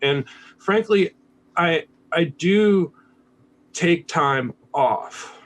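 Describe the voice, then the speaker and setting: An American man appears as a podcast guest in a casual interview, candid and laid-back and swearing freely. His voice is fairly high and animated, and he draws out his words.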